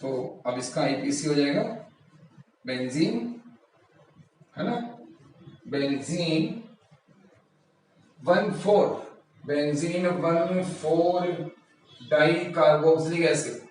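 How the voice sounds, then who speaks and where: A man's voice: a little high, extremely slow, pauses often, darkish tone. A man teaching a chemistry lesson, repeating key terms and asking himself rhetorical questions, recorded in a room from a distance. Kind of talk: classroom lecture. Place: classroom or coaching room. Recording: very echoey room, mic at a distance, faint noise.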